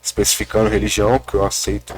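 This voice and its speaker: A young man talks haltingly, restarting phrases and pausing often. His voice sits a little low, with a faint hiss behind him. He is being interviewed at a rural rehab center. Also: monotone. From Minas Gerais, Brazil. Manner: hesitant, many restarts and pauses. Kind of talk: casual personal account.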